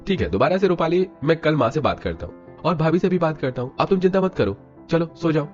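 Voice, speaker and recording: A man voicing a patient young husband in an animated story, soothing and steady. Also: fairly high pitch, fairly quick, voice pushed up, close to an everyday voice. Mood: reassuring. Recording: dull lo-fi with music.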